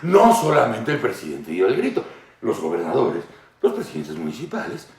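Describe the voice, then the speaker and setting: A man with a Mexican accent hosting satirical political commentary, mocking and playful, acting out shouts and laughing often. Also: lowish voice, wildly swooping pitch, normal speed, roomy sound, far from the mic. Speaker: host.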